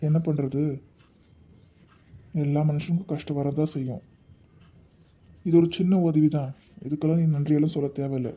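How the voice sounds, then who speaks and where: A man playing a kindly, calm employer. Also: a little high, natural voice. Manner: calm, reassuring, fatherly. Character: kindly middle-aged male employer. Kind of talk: amateur family skit acting. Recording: dull lo-fi recording.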